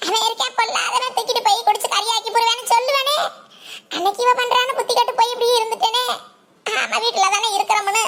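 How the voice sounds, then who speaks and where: A woman's voice: very high-pitched, fairly even intonation, quick pace, background noise. A woman voicing an old village grandmother in a cartoon, with a southern Tamil village accent, wailing and scolding in a laughing, lamenting way. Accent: southern Tamil Nadu village Tamil. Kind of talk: cartoon voice acting.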